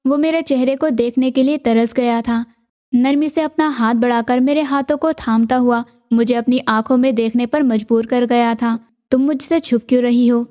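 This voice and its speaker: Mellow synthetic woman narrator. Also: a little high, fairly even intonation, normal speed. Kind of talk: scripted story narration.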